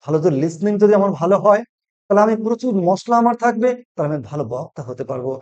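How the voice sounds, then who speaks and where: A man with a Bengali accent teaching spoken English in a video lesson, switching between Bengali and slow, emphatic English phrases. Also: high-pitched, expressive, a little mellow, highs cut off. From India.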